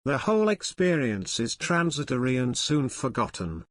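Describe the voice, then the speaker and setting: A man with a mid-pitched voice reads prepared text aloud. His phrasing is measured and clear, and the sound is dry, with no room around it. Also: very animated, no room sound. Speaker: reader of exam practice passages. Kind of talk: scripted read-aloud narration.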